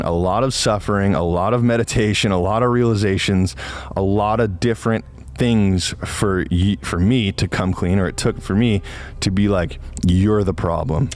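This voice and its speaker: A low-pitched man in his late twenties delivers a casual, confessional monologue. He rambles, often halting and interrupting himself.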